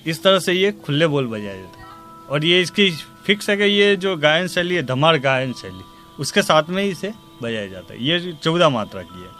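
A man teaching tabla in a spoken music lesson, calmly explaining rhythm cycles and slowly reciting the drum syllables. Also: a little high. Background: tabla playing.

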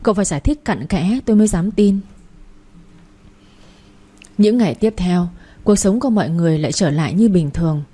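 A woman narrating a story in the first person, telling it in a steady, plain way. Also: fairly low pitch, brisk, pauses often, husky. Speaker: audiobook narrator.

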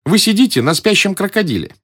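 A man voicing a calm, teasing young African woman in an audiobook reading, with a cool, unbothered manner. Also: high-pitched, quick pace, husky, pitched above the performer's own voice, full character voice. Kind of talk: audiobook character voice.

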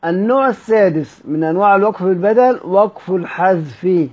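Egyptian-accented male teacher, higher register, repetitive quizzing delivery; muffled lo-fi recording. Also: expressive, a little fast. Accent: Egyptian Arabic. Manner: repeats key words, quizzes listeners with rhetorical questions. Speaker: Quran recitation teacher. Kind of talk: Egyptian Arabic lesson on recitation rules.

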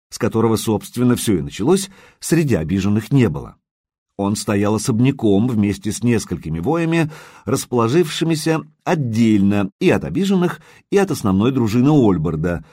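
A man reading an audiobook in an even, measured storytelling voice. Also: lowish voice, husky, dry recording, studio quality. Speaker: audiobook narrator. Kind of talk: audiobook narration.

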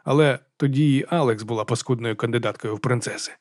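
Male audiobook narrator, fast delivery, dry close studio sound. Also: medium pitch, no echo. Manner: brisk, steady storytelling. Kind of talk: scripted narration of a dark fantasy novel.

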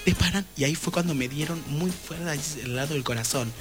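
A man's voice: fairly high pitch, a little fast. A man with an Argentine Rioplatense accent, hosting a radio show and telling a comic story in a campy, theatrical way. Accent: Argentine Rioplatense Spanish. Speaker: radio host. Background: music.

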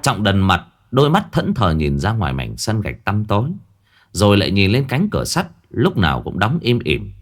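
Low-voiced man telling a ghost story. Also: normal speed, faint music behind. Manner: expressive, colloquial storytelling. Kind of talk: horror story narration.

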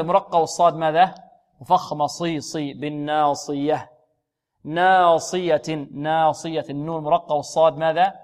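Man, Quran recitation teacher, fairly high voice, asks and answers his own questions, recites words slowly. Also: a little mellow. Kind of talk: tajweed lesson with recitation.

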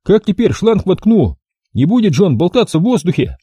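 Brief: male reader voicing a crude joking sidekick, raised pitch, loud, brash, dry booth sound. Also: sing-song, a little fast, breathy edge, dry recording, exaggerated voice. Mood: mocking. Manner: mocking, cheeky, loud.

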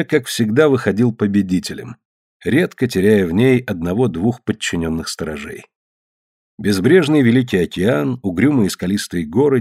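A man reading an adventure book aloud in a measured, dramatic narrating voice, slowing down for emphasis. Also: medium pitch, a little mellow, husky, no echo, clean studio sound. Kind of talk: audiobook narration.

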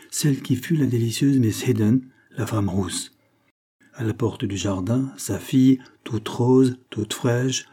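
A man reading a classic French adventure novel aloud as a measured, scripted narration. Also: medium pitch, warm tone, husky. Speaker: audiobook reader.

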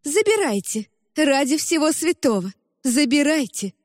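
A woman's voice: high voice, very animated, a little slow, no echo, studio quality, in a large hall, voice pushed up. A woman voicing a frantic, overeager mother with an exclamatory, giddy manner. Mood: overjoyed.

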